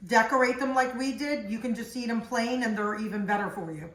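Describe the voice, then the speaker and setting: A woman's voice: fairly high pitch, fairly quick, roomy sound. A woman casually showing a cookie recipe in her home kitchen, chatting and explaining each step as she goes. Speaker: home cook demonstrating recipes.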